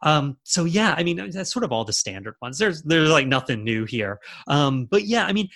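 A man's voice: a little high, very animated, moderate pace, vocal fry, fairly bright tone. A man talking as an author and screenwriter in a casual interview, rambling with lots of fillers and restarts.

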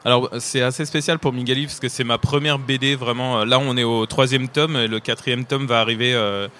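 A man's voice: mid-range voice, steady tone, fairly quick, bright, forceful tone, slight background noise. A man from France with a French accent, a comic illustrator, talking to children with many hesitations. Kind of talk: casual talk to children.

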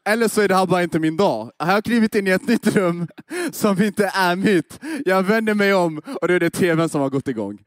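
Young man, sermon, lively storyteller, slightly high voice, dry close sound. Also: no room sound. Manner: lively storytelling, asks the audience "eller hur?". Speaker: preacher.

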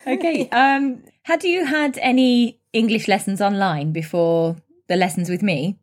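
A woman's voice: mid-range voice, measured pace. A woman hosting a podcast as an English teacher, asking a student questions in an encouraging, upbeat way. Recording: music bed under voice.

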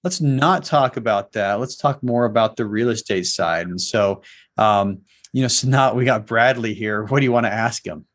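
A man's voice: fairly low pitch, normal speed, fairly bright tone. A man hosting a casual interview, upbeat in tone and rambling with many fillers. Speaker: podcast host.

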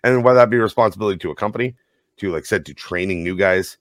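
Racing through his stories, a tow operator in his thirties co-hosts a relaxed podcast, laughing often as he goes. His voice sits low, and the sound is clean studio audio with no echo.

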